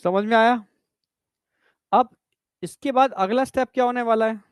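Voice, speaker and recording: This biology teacher's voice is very high and smooth, moving at a moderate pace with no echo. Lecturing to a class, he works through each step, keeps checking understanding, and addresses students as "bhai" and "beta."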